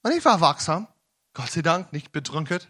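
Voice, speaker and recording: Emphatic German-speaking young preacher. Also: male voice, a little high, lively intonation, normal speed, husky. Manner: non-native German with frequent restarts, rising to emphatic shouting. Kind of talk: sermon.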